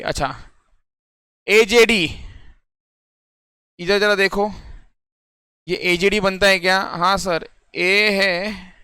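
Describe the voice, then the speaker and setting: In a high, pushed, bright and smooth voice, a young man gives a classroom lecture on reasoning puzzles, mixing Hindi and English with an Indian accent. He works through it step by step, often checking if students follow, on a dry, studio-quality recording.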